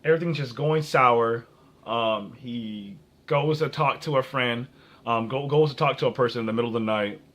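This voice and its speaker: Halting young American man giving relationship advice. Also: mid-range voice, a bit bright. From Minnesota, United States. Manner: halting, often breaks off and repeats phrases. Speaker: dating advice vlogger. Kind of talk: rambling off-the-cuff advice and personal anecdotes.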